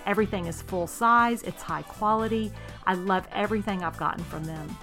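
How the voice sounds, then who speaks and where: A woman's voice: mid-range voice, fairly quick, a bit bright. Woman doing a hard-sell ad read, music behind. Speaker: podcast host reading a sponsor ad. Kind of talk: scripted personal-endorsement ad read.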